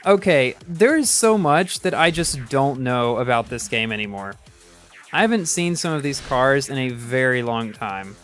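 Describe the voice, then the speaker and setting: A man's voice: mid-range voice, lively intonation, moderate pace, a bit bright, soft background music. A man streaming a racing game live, chatting casually and reacting aloud as he plays, often restarting his sentences.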